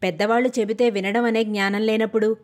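A woman's voice: a little high, level tone, quick pace, darkish tone, natural voice. A woman narrator voicing a curt, stern father in an audiobook, speaking in a scolding tone.

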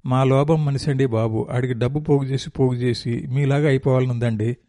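A man's voice: mid-range voice, fairly even intonation, fairly quick, warm tone, no room sound, studio quality, natural voice. A man voicing a boastful, scheming fisherman middleman in a read-aloud story, talking in a swaggering, coaxing village way. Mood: sly boasting.

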